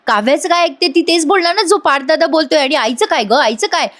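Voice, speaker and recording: A woman voicing a young husband who teases and brushes things off, in her own higher voice. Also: fast, a bit bright. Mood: teasing. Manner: teasing, coaxing. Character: teasing young husband, playful and dismissive.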